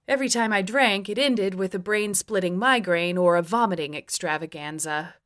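A woman's voice: medium pitch, a bit bright. A woman reading her own memoir aloud in a frank, wry and profane way. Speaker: memoir narrator. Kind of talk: first-person memoir narration.

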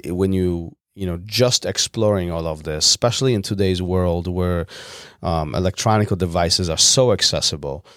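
A man's voice: deep voice, normal speed, fairly bright tone, dry recording, clean studio sound. A man co-hosting a podcast, talking in an earnest, rambling way with frequent restarts and fillers. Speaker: podcast co-host. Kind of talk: casual podcast chat.

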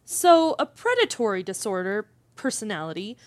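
Her medium-pitched voice swoops wildly as she speaks at a moderate pace, recorded dry. She is acting as a curious, engaged talk show interviewer for a fiction podcast, inquisitive and down-to-earth in a conversational scripted interview.

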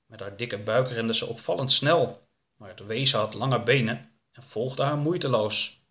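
A man narrating a storybook in a calm, steady way. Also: mid-range voice, a little slow.

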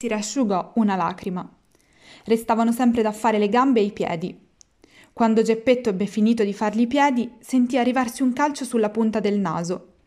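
Mellow woman reading a storybook aloud. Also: on the high side. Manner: measured, expressive read-aloud. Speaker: narrator.

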